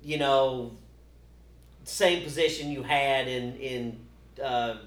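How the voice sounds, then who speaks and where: A man co-hosting a podcast, arguing about sports in a casual, blunt and profane way that turns animated. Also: mid-range voice, slow pace. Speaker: podcast co-host. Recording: echoey room.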